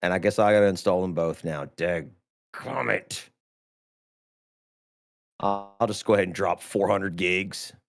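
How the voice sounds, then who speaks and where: A man's voice: sits low, steady tone, a little fast, hardly any pauses. A man hosting a casual gaming stream, rambling and laughing as he chats. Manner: rambling, laughs often, drawling asides. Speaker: stream host.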